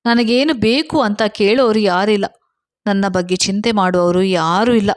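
A woman's voice: medium pitch, moderate pace, no room sound, natural voice. A woman reading a storybook voices a self-pitying young housewife who talks in a crying, complaining tone. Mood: tearful.

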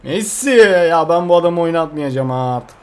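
A young man commenting on his own football video game, getting frustrated and yelling at the players. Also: a little high, normal speed. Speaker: gameplay streamer.

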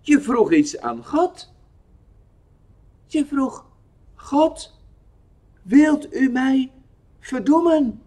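A man's voice: extremely high pitch, expressive, extremely slow, pauses often, dark tone, pitched above the performer's own voice, exaggerated voice. A man voicing a nervous, earnest young boy who speaks up with a trembling voice in a children's storybook reading.

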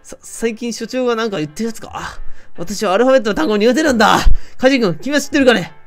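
A man voicing a pompous middle-aged police chief who asks questions in a loud, exclamatory way. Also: extremely high pitch, expressive, fast talker, faint music behind. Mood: blustering. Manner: blustering, exclamatory.

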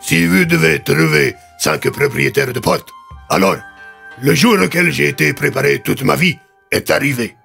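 Gravelly, lively pitch, stern clan chief, a man doing the voice, solemn, clipped, faint music behind. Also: normal speed, exaggerated voice.

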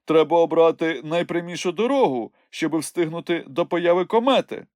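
A man voicing a calm, wise young male wanderer in a storybook reading, composed and giving advice. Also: fairly high pitch, moderate pace, no room sound, clean studio sound, pitched above the performer's own voice, lightly acted. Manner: composed, advising. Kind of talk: audiobook character voice.

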